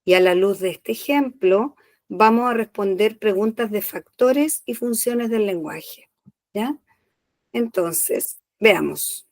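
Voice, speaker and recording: A woman's voice: mid-range voice, slow pace, a little mellow, no echo. A woman teacher, patiently explaining a lesson in an online class and checking in often. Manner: explains patiently, checks in with "¿ya?" after each point.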